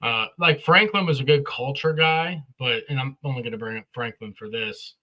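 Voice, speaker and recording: A man's voice: medium pitch, normal speed, sharp tone, dull audio. A man co-hosting a sports podcast, giving eager, opinionated takes in casual talk. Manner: enthusiastic, opinionated. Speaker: podcast co-host.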